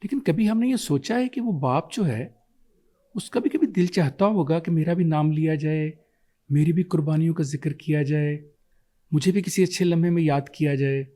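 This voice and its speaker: A man's voice: on the high side, mellow. Male guest, Pakistani Urdu accent, fervent orator who builds long runs of rhetorical questions. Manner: rhetorical questions, impassioned and preaching. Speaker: guest speaker. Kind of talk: emotional oratory on fathers.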